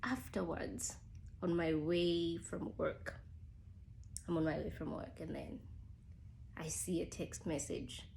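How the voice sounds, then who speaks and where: A woman's voice: on the low side, steady tone, takes it slowly, gravelly, long pauses, darkish tone, slight background noise. A young woman casually telling viewers a personal story, full of "like" fillers and calling them "guys". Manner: chatty, frequent "like" fillers, addresses viewers as "guys". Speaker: vlogger telling her engagement story.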